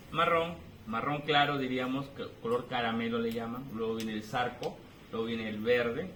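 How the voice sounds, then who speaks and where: A man with a Peruvian Spanish accent giving an animated physiology lecture, playfully teasing his students with questions. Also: medium pitch, slight background noise. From Peru. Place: lecture room. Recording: echoey room, voice from a distance.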